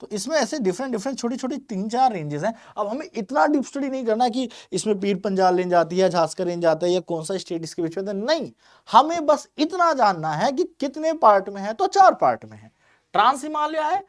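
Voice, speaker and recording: A man's voice: sits high, very animated, a little fast, dry recording, studio quality. Male tutor quizzing his class. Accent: Hindi. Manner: repeats points with quiz-style questions; mixes English terms into Hindi. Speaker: teacher. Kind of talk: exam-prep geography lecture.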